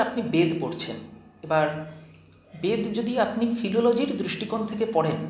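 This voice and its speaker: A man giving a slide lecture, explaining step by step and posing questions before answering them. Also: on the high side. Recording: echoey room with faint noise.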